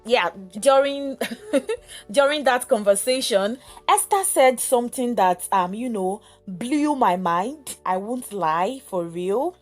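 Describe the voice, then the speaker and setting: A chatty woman with a Nigerian accent, speaking in a slightly higher voice. Her talk is gossipy and loose, full of fillers. Soft music plays faintly underneath. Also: lively intonation, slow pace. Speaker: vlogger recapping a reality show. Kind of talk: casual chat.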